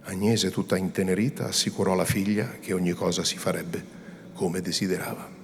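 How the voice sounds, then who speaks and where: Man doing a theatrical reading of a classic novel, low voice, gravelly, measured and dramatic. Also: fairly even intonation, slight background noise. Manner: measured, dramatic narration with hushed drops. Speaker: actor reading a novel aloud.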